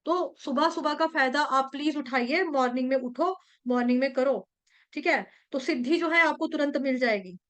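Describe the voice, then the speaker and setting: A woman teaching a devotional scripture class, explaining in Hindi mixed with English and chanting Sanskrit verses slowly. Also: high-pitched, fairly bright tone.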